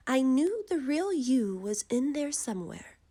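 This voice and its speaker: Woman acting a sweet old lady, slow and high. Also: big pitch swings, dark tone, full character voice. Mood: gently pleased. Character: plump, sweet, kind old woman with gentle cheer.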